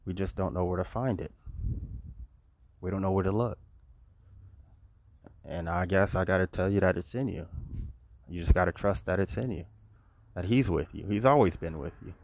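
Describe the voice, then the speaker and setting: A man's voice: low voice, normal speed, long pauses, a little mellow. A man giving an earnest, preachy spiritual monologue outdoors, repeating his phrases. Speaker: vlogger. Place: outdoors by a road. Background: passing cars and wind.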